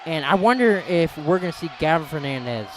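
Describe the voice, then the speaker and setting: A young man calling a high school basketball playoff game play by play, getting loud at the big plays. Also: animated, fairly quick, slight background noise. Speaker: play-by-play announcer. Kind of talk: live basketball commentary.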